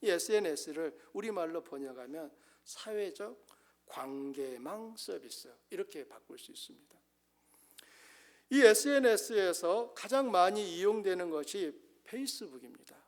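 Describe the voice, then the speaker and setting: A man preaching a Sunday sermon as pastor, earnest, swinging between emphatic rises and soft low asides. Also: expressive, moderate pace.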